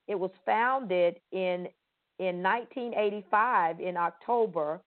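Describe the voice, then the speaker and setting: A middle-aged woman from Florida hosts a faith-based podcast with earnest enthusiasm. She leans on repeated words for emphasis, in an ordinary middle pitch. Her voice is thin and tinny, as if heard over a phone. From Pensacola, Florida. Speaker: podcast host.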